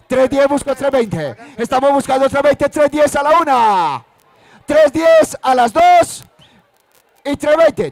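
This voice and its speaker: A man with a Colombian accent from Antioquia calling bids as a rapid livestock auctioneer at a live auction. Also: very high-pitched, gravelly, a little mellow.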